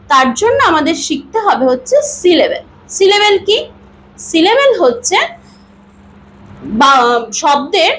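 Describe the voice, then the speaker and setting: A woman teaching an English grammar lesson, asking and answering her own questions and drawing out example words slowly syllable by syllable. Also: very high voice, fairly bright tone, a little hiss or hum, rough recording. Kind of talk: classroom-style grammar lesson.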